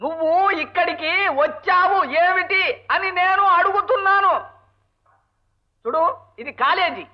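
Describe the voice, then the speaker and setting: A high-voiced, sarcastic henpecked husband mutters insults and barks for silence in an old film comedy. The sound is dull and lo-fi, like an old movie soundtrack. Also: male voice, fairly quick. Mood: exasperated. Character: grumbling henpecked husband, a college lecturer. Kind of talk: 1980s film comedy dialogue.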